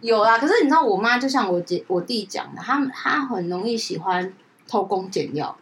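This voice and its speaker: Lively Taiwanese woman telling family stories. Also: mid-range voice, a little fast. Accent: Taiwanese Mandarin. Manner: animated storyteller, acts out her mother's lines. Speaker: podcast co-host. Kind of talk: casual chat.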